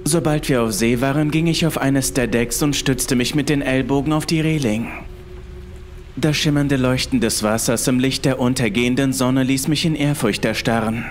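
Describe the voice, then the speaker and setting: A man narrates a scripted first-person horror story, speaking at a normal speed in a medium-pitched voice. Music plays in the background behind him.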